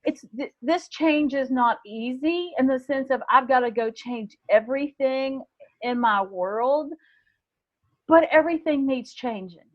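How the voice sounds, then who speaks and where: Excited woman telling a story, lo-fi. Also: high voice, unhurried. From Texas. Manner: animated, excitable storyteller acting out quotes. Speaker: podcast co-host. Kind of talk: casual storytelling chat. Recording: dull lo-fi sound.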